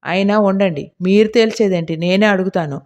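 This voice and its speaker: A woman reading an audiobook voices a scolding middle-aged village housewife with a shrill, indignant, nagging delivery. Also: a little fast, a little mellow, close to an everyday voice.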